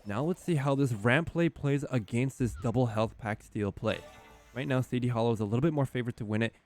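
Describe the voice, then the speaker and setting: A man casting a live esports match as play-by-play commentator, getting louder and higher at the big plays. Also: brisk, soft background music. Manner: excitable, rising in pitch and volume at key plays. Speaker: esports caster.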